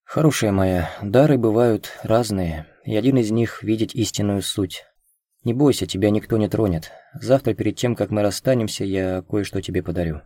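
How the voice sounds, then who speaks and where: A man reading the lines of a young lord in an audiobook, gentle and coaxing but used to giving orders. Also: on the low side, moderate pace, no room sound, studio quality, natural voice. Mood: tender. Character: young lord, tender yet commanding.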